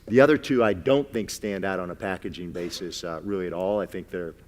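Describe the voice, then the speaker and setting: A low-voiced man gives opinionated critique as a panel judge. He speaks off the cuff and candidly, his voice carrying long hall reverb. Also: a little fast, a little hiss or hum. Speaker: competition judge.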